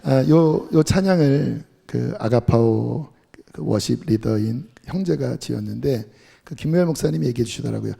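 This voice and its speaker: A man preaching a sermon as pastor, lively and earnest, sometimes dropping to a whisper. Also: mid-range voice, normal speed, vocal fry, slightly rough. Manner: animated preaching, drops to soft whispers for prayers. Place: church sanctuary.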